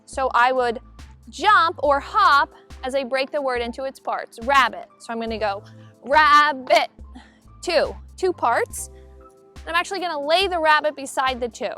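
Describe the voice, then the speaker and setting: An elementary school teacher, a woman, giving a clear, upbeat video lesson to children, demonstrating as she goes. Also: sits high, animated, moderate pace, pushed and bright, faint music behind.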